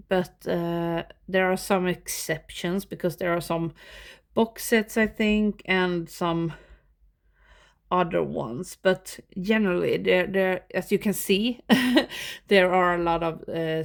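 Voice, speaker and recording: A woman's voice: on the low side, gravelly. A woman from Sweden with a Swedish accent, chatting casually in English as she shows off her shelves of movies at home, laughing often between remarks. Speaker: movie collector showing her collection. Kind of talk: casual show-and-tell vlog.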